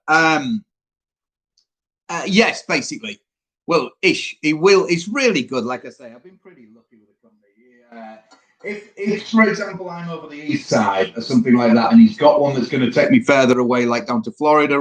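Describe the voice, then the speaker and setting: Chatty Yorkshire trucker. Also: male voice, fairly high pitch. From Yorkshire, England. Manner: rambling, answers viewer questions aloud. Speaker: truck driver hosting a live Q&A. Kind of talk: casual live-stream chat.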